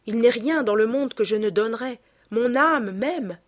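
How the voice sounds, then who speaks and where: A woman's voice: a little high, lively intonation, normal speed, close to an everyday voice. A woman voicing an anguished young man obsessed with his youth, pleading and tearful, in an audiobook reading.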